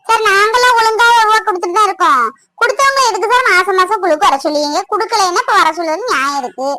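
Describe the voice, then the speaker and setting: Cartoon: cranky village woman played by a woman, shrill and bright, scolding. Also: fast talker. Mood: annoyed. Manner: complaining, scolding. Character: fed-up village woman selling dosa. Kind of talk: cartoon voice acting.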